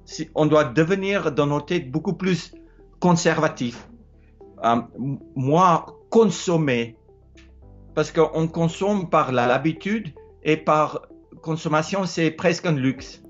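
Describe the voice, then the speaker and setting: This middle-aged South African explorer, Afrikaans-accented and speaking French as a second language, hesitantly shares casual advice, repeating words as he searches for the right ones. His voice leans high and the audio is dull, taken by a phone held close at a low angle indoors beneath a wooden ceiling, with faint music in the background.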